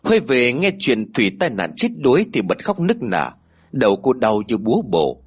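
Husky man narrating an expressive ghost story. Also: mid-range voice, normal speed. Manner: formal, expressive reading.

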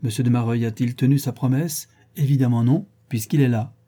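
A man reading an audiobook, voicing a proud, stubborn young gentleman who argues insistently. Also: medium pitch, steady tone, a little fast, husky, lightly acted. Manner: insistent, indignant.

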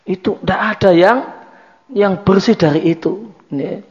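A man's voice: sits high, normal speed, a little mellow. A man giving a religious study lecture in a chatty, repetitive way. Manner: conversational, repetitive, drops in Javanese words. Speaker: Islamic teacher. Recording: dull lo-fi lecture recording.

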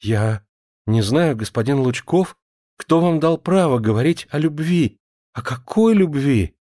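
A man reading an audiobook voices a proud, sharp-tongued young noblewoman, speaking in a cool, indignant way. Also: fairly high pitch, lively intonation, unhurried, dry recording, clean studio sound.

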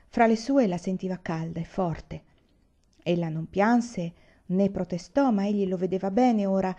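Woman, audiobook narrator, mellow voice, calm pace, slightly muffled recording. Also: mid-range voice. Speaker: reader. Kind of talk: reading a novel aloud.

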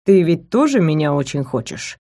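A woman voicing a gruff, smug male werewolf who speaks low and hoarse. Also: sing-song, moderate pace, mellow.

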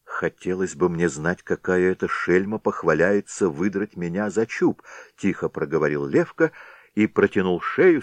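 A man narrates a classic tale in a theatrical audiobook style. His deep voice rises and falls with lively expression. The recording is dry and close. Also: no echo.

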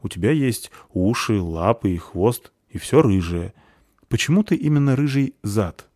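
A man's voice: lowish voice, animated, unhurried, dry recording, clean studio sound. A man doing a timid young novice girl. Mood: timid, earnest. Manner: polite, timid, gentle. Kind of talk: audiobook character voice.

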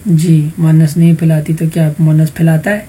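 A man's voice: a little high, level tone, warm tone, a little hiss or hum. A man teaching an online Arabic vocabulary lesson, patiently calling on students by roll number and explaining answers.

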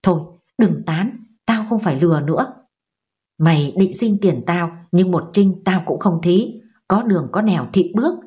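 A woman's voice: on the low side, normal speed, warm tone, lightly acted. A woman voicing an angry old village mother scolding her son in a harsh, biting manner.

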